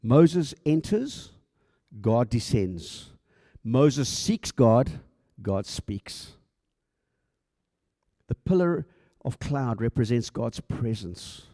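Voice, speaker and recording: A man's voice: mid-range voice, very animated, extremely slow, mellow, dry recording, studio quality. A middle-aged male pastor preaching a conversational sermon, acting out little dialogues and often stumbling and repeating words as he goes.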